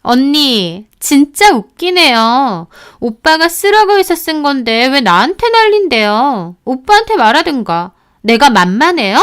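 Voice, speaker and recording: A woman's voice: sits high, sing-song, measured pace, few pauses, a bit bright, pitched above the performer's own voice, full character voice. A woman voicing a bratty young sister-in-law who screeches indignantly in a spoken drama story. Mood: shrieking, indignant.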